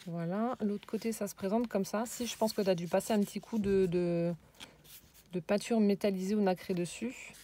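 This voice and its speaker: A woman casually showing a handmade scrapbook album, hesitant and searching for words, and often dropping into soft, admiring whispered asides. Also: mid-range voice, steady tone, moderate pace. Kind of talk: casual show-and-tell.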